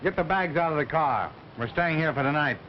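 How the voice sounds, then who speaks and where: An actor as a courteous doctor who turns brisk with orders, in 1930s film style. His pitch moves widely. The soundtrack is muffled with faint noise. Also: animated, close to an everyday voice. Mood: brisk, commanding. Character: brisk, reassuring gentleman doctor, devoted fiancé. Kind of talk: early 1930s film acting.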